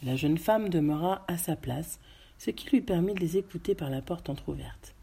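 A woman reading a story aloud with calm, steady narration. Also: low-pitched, normal speed, gravelly, husky. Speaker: reader. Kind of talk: audiobook narration.

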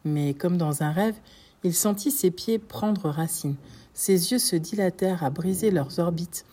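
Female audiobook narrator, dark warm voice, measured dramatic telling. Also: on the low side, breathy edge. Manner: steady, dramatic storytelling. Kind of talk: scripted narration.

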